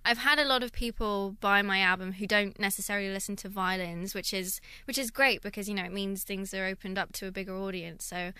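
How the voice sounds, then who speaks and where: A young woman from London with a London accent, chatting in a radio interview, thoughtful and quick to laugh. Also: mid-range voice, fairly even intonation, pushed and bright, clear, resonant tone, no room sound. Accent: London English. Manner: friendly, laughs often, thoughtful. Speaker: guest violinist. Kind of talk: casual interview chat.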